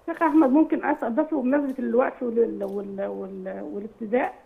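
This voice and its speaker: A woman from Egypt with an Egyptian accent calling in to recite Quran and ask questions, speaking haltingly. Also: on the high side, fairly even intonation, vocal fry. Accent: Egyptian Arabic. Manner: hesitant, halting speech with restarts. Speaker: caller. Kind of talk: reciting Quran and asking over the phone. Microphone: phone call. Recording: tinny phone line.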